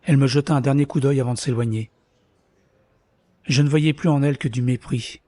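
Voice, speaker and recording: A man's voice: mid-range voice, steady tone, fairly quick, no room sound, lightly acted. A man narrating his own story in the first person in an audio drama, bitter and introspective. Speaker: narrator and lead character. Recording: soft music underneath.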